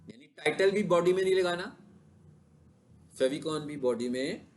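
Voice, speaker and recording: A man's voice: fairly high pitch, a little slow, slight background noise. A man teaches a class while showing his screen. He keeps asking his students questions and answers them himself. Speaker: digital marketing instructor. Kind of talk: classroom lecture with screen demo.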